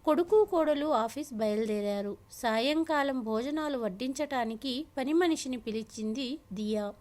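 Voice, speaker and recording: A woman narrating a family story in a steady, plain reading voice. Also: sits high, unhurried.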